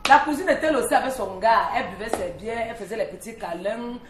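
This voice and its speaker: A talkative woman tells a story with teasing energy, her voice sitting a little high. The studio around her rings with echo, and there is a faint hum of ambience behind her. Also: quick pace. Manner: animated, talkative, teasing, chatty street-story telling. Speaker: morning show columnist. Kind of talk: lively storytelling chat.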